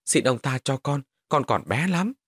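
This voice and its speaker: A man's voice: medium pitch, sing-song, moderate pace, slightly rough, no echo, studio quality, pitched above the performer's own voice. A man voicing a terrified little village girl who pleads and cries for mercy. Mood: begging.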